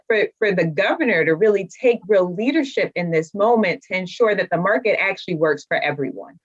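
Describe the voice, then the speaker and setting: A woman speaking as an expert guest, giving formal policy commentary in an interview, on dull lo-fi audio. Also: medium pitch.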